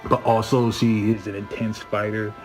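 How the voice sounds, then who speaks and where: Laid-back low-voiced man over music. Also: little pitch movement, normal speed. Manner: easygoing, filler-heavy, enthusiastic. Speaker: comic book writer. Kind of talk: casual pitch to camera. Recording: music playing underneath.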